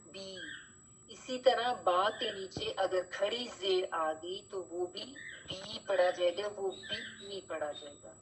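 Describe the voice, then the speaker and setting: A woman teaching Quran recitation rules in an online class. She explains slowly and patiently, repeats key points and often checks that students are following. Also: medium pitch. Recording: slightly dull, faint background noise.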